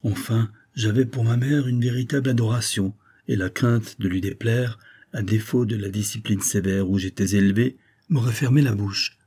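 A man giving a measured, literary scripted narration of a novel as an audiobook reader. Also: on the low side, steady tone, dark tone, slightly rough.

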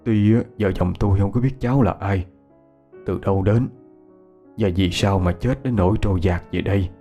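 Man doing kind village husband, quiet, low, hesitant. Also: moderate pace, soft background music, close to an everyday voice. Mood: gentle. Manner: soft-spoken, polite, hesitant.

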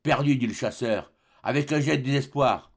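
A man narrating a classic adventure novel as an audiobook, reading dramatically and dropping low and quiet for tense moments. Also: moderate pace.

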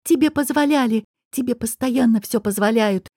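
A woman's voice: on the high side, moderate pace, dark tone, dry recording, clean studio sound, voice pushed up. A woman reading an audiobook, voicing a tearful, desperate young female student mage who pleads and shrieks accusations. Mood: hysterical.

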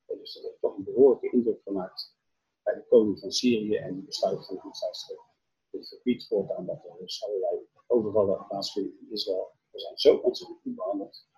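A man preaching, retelling a Bible story with animated storytelling and acted-out dialogue. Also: lowish voice, brisk, breathy edge, poor audio. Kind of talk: Bible teaching, retelling scripture.

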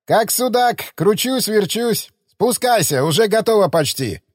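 A man voices a cheerful, quick-witted friend in an audiobook, his voice lifted well above normal and bouncing with friendly quips. The recording is dry and close. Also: high-pitched, lively intonation, no echo, voice pushed up. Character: cheerful, jokey man grilling meat.

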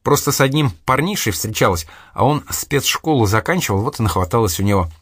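A man reading an audiobook, voicing a lively, teasing young woman who sells food on the street. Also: mid-range voice, a little fast, breathy edge, no room sound, studio quality. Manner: chatty, teasing, curious.

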